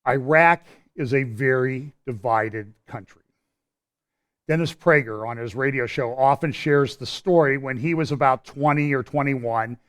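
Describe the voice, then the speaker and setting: A man presenting a church prophecy update in a conversational commentary style, pausing and restarting as he walks through a map and his views. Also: medium pitch, a bit bright. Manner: explains while pointing at a map on screen.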